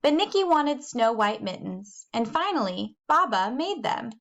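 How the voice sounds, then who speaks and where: A woman reading a storybook aloud for children in an expressive, measured way. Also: on the high side. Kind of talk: read-aloud storybook narration.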